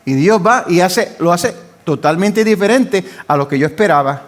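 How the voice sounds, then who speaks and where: A man's voice: high-pitched, expressive, moderate pace. Fervent male pastor preaching. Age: older. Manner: fervent preaching, swings from loud pleading to quiet asides. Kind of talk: sermon.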